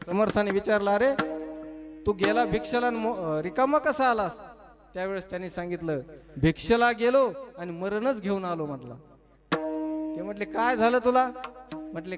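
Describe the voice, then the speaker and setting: A man preaching a kirtan, telling a devotional story, chanting verses slowly and acting out the dialogue. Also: high-pitched.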